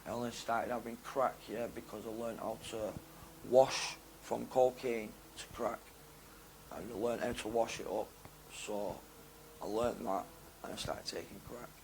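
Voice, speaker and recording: A young man with a gravelly, fry-edged voice talks openly as an interview guest. His speech is slangy and rambling, rising to loud excitement and dropping to low mumbles. Faint noise sits underneath. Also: measured pace, low-quality recording. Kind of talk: candid interview talk.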